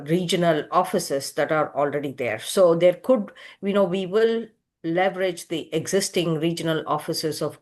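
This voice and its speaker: A UN youth office representative answers questions over a video call. The speech is measured and explanatory, with frequent filler words. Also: mid-range voice. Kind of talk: explanatory answer in an online meeting.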